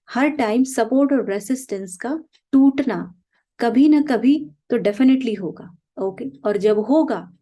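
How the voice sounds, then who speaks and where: A woman's voice: fairly high pitch, mellow. A woman teaching stock trading, explaining points over a chart in a patient way, often saying "okay" and asking questions herself before she answers them.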